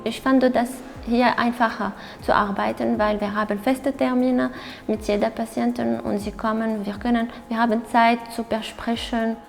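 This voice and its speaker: Creaky-voiced woman in a reverberant hall. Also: fairly high pitch, flat delivery, faint music behind. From Tunisia. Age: 30s. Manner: halting non-native phrasing with fillers. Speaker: doctor. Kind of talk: documentary interview.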